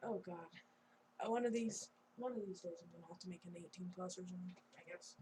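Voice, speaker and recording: A woman's voice: on the low side, fast, noisy background. A young woman improvising a fan story in a rambling, giggly, chatty way. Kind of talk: casual improvised story narration.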